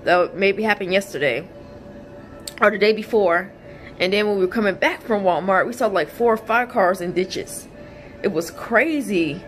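A woman's voice: mid-range voice, normal speed. A chatty woman, talking casually to viewers in a home vlog. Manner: chatty, repeats you guys. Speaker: vlog host. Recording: faint music behind.

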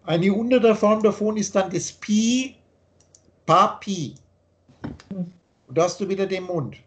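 Belehrender Mann mit hoher Stimme. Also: male voice, high voice, unhurried, darkish tone, a little hiss or hum. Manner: repetitive, earnest, lecturing. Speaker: teacher explaining his teaching. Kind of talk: explanatory monologue in a video call. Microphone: video call.

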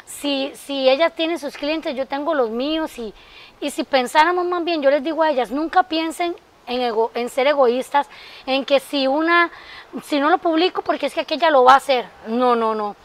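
A woman guest on a TV interview with a very high voice. As a sewing workshop teacher, she speaks in a heartfelt, emphatic way and often calls the host by name. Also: moderate pace. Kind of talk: interview answers.

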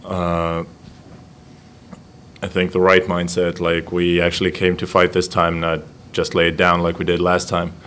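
A man's voice: deep voice, completely flat delivery, unhurried, fairly bright tone, a little hiss or hum. A young man, a college basketball player, answering postgame questions plainly and with some hesitation, seated at a table mic in a press room. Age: young adult.

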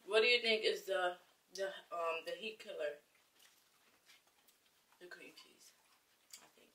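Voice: mid-range voice, slow pace, recorded from a distance, noisy background. A co-host chatting casually and laughing easily while eating snacks on camera, heard off-mic in an echoey room. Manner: laughing easily, slangy, relaxed. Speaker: co-host of a food challenge channel.

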